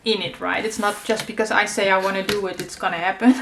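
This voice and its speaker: A Dutch woman in her thirties, a native Dutch speaker from the Netherlands who hosts a crafting channel, chats casually with a Dutch accent while working through a paper craft tutorial. She talks in a loose, friendly way with many fillers, occasionally pausing to search for a word. Her mid-range voice is creaky, with a level tone and quick pace, recorded in an echoey room with faint noise.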